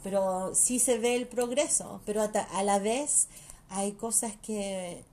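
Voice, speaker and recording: A woman's voice: mid-range voice, fairly even intonation, unhurried, dark tone. A mother chatting casually and bluntly, swearing freely and switching between languages mid-sentence. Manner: blunt and profane. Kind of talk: casual chat.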